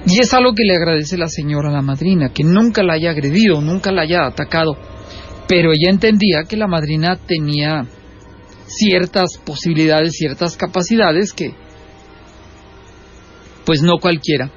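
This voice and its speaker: A man's voice: fairly high pitch, moderate pace, faint music behind. A man hosting a late-night horror radio show, recounting stories in a conversational, hesitant way. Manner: conversational, hesitant, with many fillers. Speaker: radio host. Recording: lo-fi radio broadcast with faint noise.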